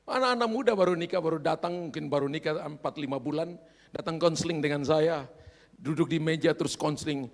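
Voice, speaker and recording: A man delivers a storytelling sermon, his voice high and gravelly. He acts out his characters' lines as he goes. The sound carries a long reverb from a large hall. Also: fairly quick. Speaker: pastor.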